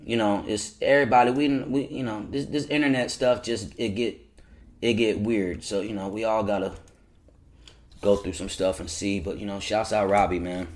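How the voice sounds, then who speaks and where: A man hosting a podcast in a loose, rambling style, full of slang and restarts as he gives shout-outs. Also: lowish voice, steady tone, moderate pace. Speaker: podcast host. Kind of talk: casual podcast chat.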